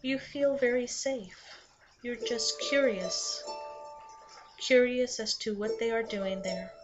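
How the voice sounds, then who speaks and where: Woman leading guided meditation over loud music. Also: on the high side. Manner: soothing, measured, lingering pauses between short phrases. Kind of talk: guided meditation, scripted narration. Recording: muffled lo-fi sound under loud music. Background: loud background music.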